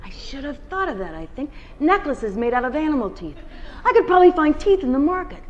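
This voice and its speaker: Before a bookstore audience, a woman serving as guest reader performs a first-person novel with expression. She has a high, sing-song voice and a brisk pace. The audio is dull, with a little hiss or hum.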